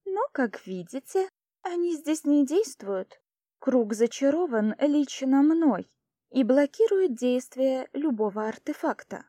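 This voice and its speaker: A woman narrating gives voice to an impassive female judge presiding over a magic duel. She speaks in a dry, formal, faintly mocking way, her tone mellow and a little high. The recording is dry and close. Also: no room sound. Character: cool, strict female academy duel judge.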